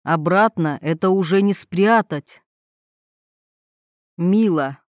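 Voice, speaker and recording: A woman narrating a story in a measured, even manner. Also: lowish voice, no room sound, studio quality.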